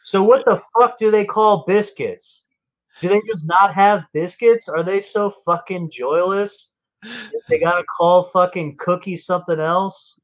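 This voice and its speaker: A man's voice: sits high, sing-song, measured pace, rough recording. A man co-hosting a casual podcast chat, ranting with lots of swearing. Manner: ranting, profane. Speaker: podcast co-host.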